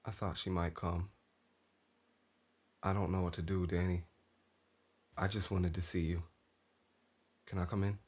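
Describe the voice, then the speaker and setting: In a stage drama, an actor plays a tormented, resigned killer who is an estranged brother. His low-pitched male voice is gravelly and husky with a flat delivery, and he speaks slowly and haltingly in a subdued, haunted manner.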